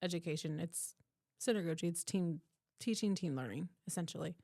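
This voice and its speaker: A woman co-hosts a casual podcast in a lowish, mellow voice. She sounds scratchy and a little hoarse, with plenty of gravel in it. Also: fairly quick, dry recording, studio quality. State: hoarse voice that day. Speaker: podcast co-host.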